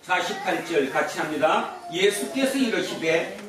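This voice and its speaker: A man's voice: sits high, measured pace, crowd noise. A male pastor preaching a sermon, putting questions to the congregation and repeating their answers. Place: church sanctuary. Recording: echoey church hall from far off.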